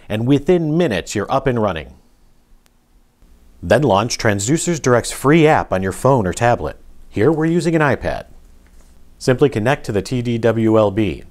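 A man with a low, steady voice reads a promotional product script. His delivery is smooth and even, recorded as a studio voice-over. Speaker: product narrator.

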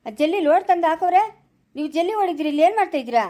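A woman's voice: very high voice, lively intonation, rapid-fire, dark tone. A woman with a Chikkaballapura Kannada accent playing a strict female jail guard who barks orders. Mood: bossy. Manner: bossy, ordering.

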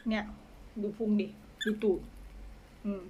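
A woman chatting to the camera about her pets in a soft, hesitant way, with frequent fillers. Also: slow pace, slight background noise. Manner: talks fondly to her pets. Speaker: pet owner vlogger. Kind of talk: casual chat to camera.

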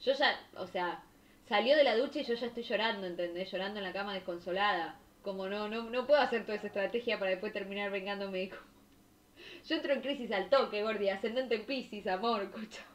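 A young woman from Argentina with a Rioplatense accent, reacting to viewer stories on a stream in an expressive, slangy way. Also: mid-range voice, a little fast. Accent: Rioplatense Spanish. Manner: expressive, slangy, laughing and exclaiming. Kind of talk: casual chat reacting to stories.

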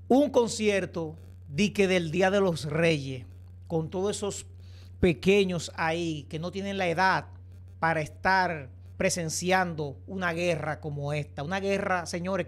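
A man giving opinionated entertainment gossip commentary, lecturing his viewers. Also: high-pitched. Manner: preachy, repeatedly addresses viewers as señores.

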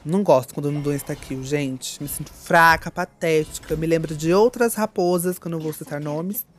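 A woman's voice: sits low, a little fast, faint music behind. A woman giving live gameplay commentary, campy and theatrical, with playful swearing at her opponents. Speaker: gaming streamer.

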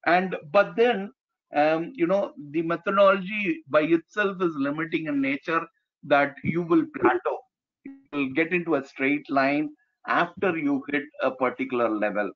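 A man explaining slides as a trainer, haltingly, with frequent "you know" and "right?" tags. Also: a little high. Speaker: presenter, trainer. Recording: dull, lo-fi online audio.

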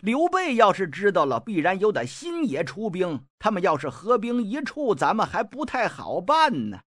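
A blustering middle-aged general, played by a male storyteller, threatens. His pitch leaps up and down. The recording is dry and close. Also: huge pitch swings, moderate pace, fairly bright tone, no room sound, full character voice. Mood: scheming.

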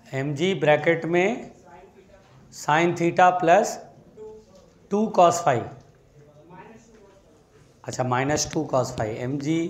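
A man's voice: high voice, a bit bright. A male physics teacher, giving a classroom lecture in a chatty, teasing way, coaxing his students along.

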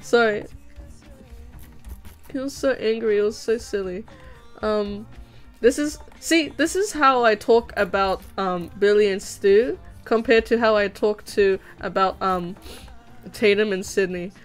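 Faint music plays behind a young woman speaking at a measured pace in a mid-range voice. Her first language was Vietnamese; animating in her home room, she chats casually, rambling with many fillers and restarts.

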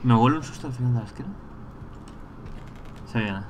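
A man giving casual let's-play commentary, thinking aloud and breaking into excited rants. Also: medium pitch, a little fast, slight background noise. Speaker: gameplay streamer.

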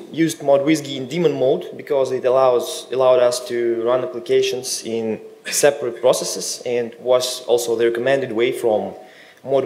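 Man giving a relaxed tech talk. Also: mid-range voice. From Russia. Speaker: conference speaker. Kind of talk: technical conference talk. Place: conference hall.

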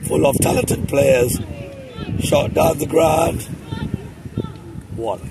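Male cricket commentator, a little hoarse, gravelly voice, loud noisy outdoor mic. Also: on the high side, fairly even intonation, a loud crowd. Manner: brisk ball-by-ball calls. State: slightly hoarse. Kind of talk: live amateur cricket commentary.

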